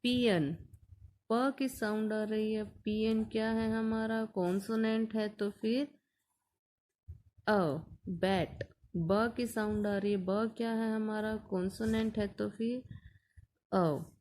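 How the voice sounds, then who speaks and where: Slow, patient woman teaching grammar. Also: medium pitch, fairly even intonation, darkish tone. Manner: patient, asks questions and answers them herself. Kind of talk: explaining an English grammar lesson.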